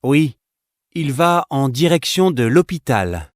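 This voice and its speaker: Man, mid-pitched, slow scripted reader, dry studio sound. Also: sing-song, no room sound. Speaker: voice actor in exam dialogue. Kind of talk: scripted dialogue reading.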